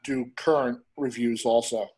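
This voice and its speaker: A middle-aged man chatting casually as an interview guest, rambling a little and pausing as he goes. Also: medium pitch, fairly even intonation, a little mellow, breathy edge. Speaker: interview guest, horror host and film reviewer.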